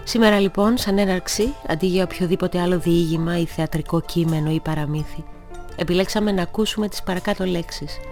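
A woman hosting a radio theater program, introducing the segment in a calm, measured way. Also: fairly low pitch, faint music behind. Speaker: radio show host. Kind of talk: radio presenting.

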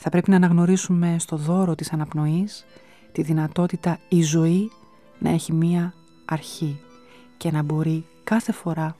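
A woman hosting a radio show, giving a calm, measured, scripted book review. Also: sits low, soft background music. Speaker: radio host presenting books.

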